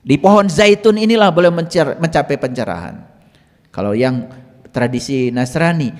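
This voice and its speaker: A middle-aged man giving a religious lecture as a Sufi teacher, animated, teasing his listeners, and swinging between loud and hushed delivery. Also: a little high. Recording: long hall reverb.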